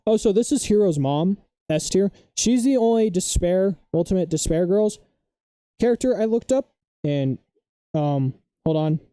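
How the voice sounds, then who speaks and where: Young man, streamer, very dark mellow voice, dry close sound, excitable, rambling, opinionated. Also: high-pitched, unhurried, smooth, no echo. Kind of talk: casual live-stream chat.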